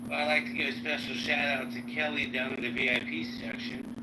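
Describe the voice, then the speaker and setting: A man's voice: fairly high pitch, little pitch movement, a little fast. A man with a thick Brooklyn accent, moderating a casual live group discussion. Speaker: panel moderator. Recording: echoey room, clearly noisy audio.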